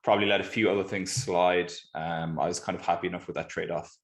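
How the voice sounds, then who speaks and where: Low-voiced man with west of Ireland accent. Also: steady tone, quick pace. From Galway, west of Ireland. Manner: informal, hedging with 'kind of'. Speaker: interview guest. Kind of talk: casual interview chat. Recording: roomy, echoey sound.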